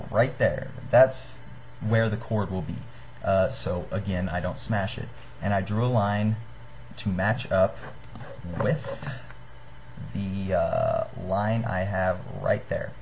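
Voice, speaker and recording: Speaking unscripted into his webcam from a small room, a young DIY video maker talks viewers through a tutorial while hedging, apologizing and putting himself down. The built-in microphone sits at desk distance and captures a noisy, low-grade sound.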